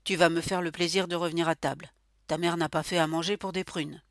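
A narrator voicing a stern, irritable middle-aged father in a literary reading, speaking gruffly and scolding. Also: mid-range voice, little pitch movement, fairly quick, no echo, studio quality, natural voice. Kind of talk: quoted dialogue in a literary reading.

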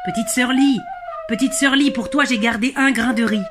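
A woman's voice: high voice, normal speed, over music, pitched above the performer's own voice, lightly acted. A woman voicing a brave panda in a children's storybook, speaking firmly and proudly. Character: brave panda, fighter of villains.

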